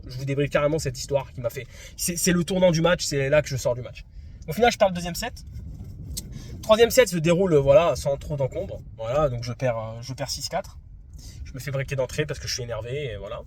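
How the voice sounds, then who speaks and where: A man in his twenties from France, retelling a tennis match dispute in an indignant, animated vlog. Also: a little high, quick pace, slight background noise. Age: 20s. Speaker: tennis vlogger. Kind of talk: vlog story recap.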